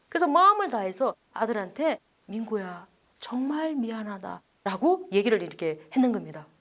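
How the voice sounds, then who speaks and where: Lively, high-voiced nun telling a story. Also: female voice. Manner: animated, acts out the people in her story; asks the audience questions.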